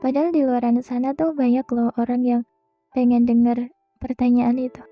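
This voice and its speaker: A young woman hosting a podcast, speaking a gentle, reassuring monologue straight to the listener. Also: fairly high pitch, flat delivery, moderate pace, dry recording, soft background music. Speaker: podcast host. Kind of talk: soft comforting monologue.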